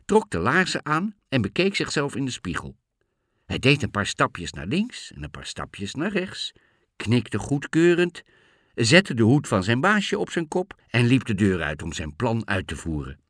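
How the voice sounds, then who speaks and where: A man reading a fairy tale aloud with very expressive, swooping intonation. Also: medium pitch, dry recording, clean studio sound. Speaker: narrator.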